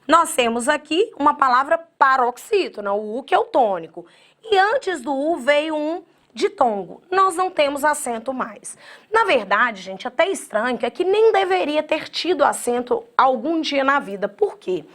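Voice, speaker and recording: A Brazilian woman teaching grammar in an online exam-prep class, with a voice pitched a little high. She addresses her students directly and breaks words into slow syllables. Her delivery is lively and chatty. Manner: lively, talks straight to students, acts out their objections; spells words out slowly by syllable.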